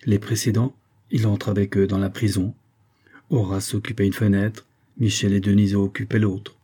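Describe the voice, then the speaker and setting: Male narrator for a classic novel: low, mellow voice, steady delivery. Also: husky. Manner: steady, measured storytelling. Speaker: audiobook narrator. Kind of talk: scripted literary narration.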